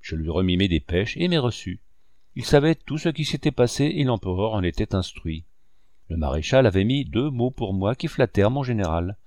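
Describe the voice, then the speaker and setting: A man's voice: on the low side, big pitch swings, moderate pace, a little mellow, dry recording, clean studio sound. Man reading a memoir aloud. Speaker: audiobook narrator. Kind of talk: first-person memoir reading.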